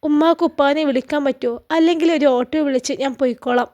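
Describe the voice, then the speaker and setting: A woman storyteller voicing a sad, frightened young wife who speaks softly and pleads, in a high voice. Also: fast talker, highs cut off, close to an everyday voice. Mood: pleading.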